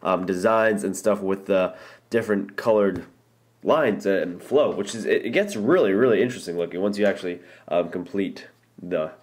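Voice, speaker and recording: A young man with a low-pitched voice reviews a phone game, casually walking through the gameplay at a moderate pace. He's enthusiastic and rambling, full of ums and restarts, filming his phone screen in an indoor room.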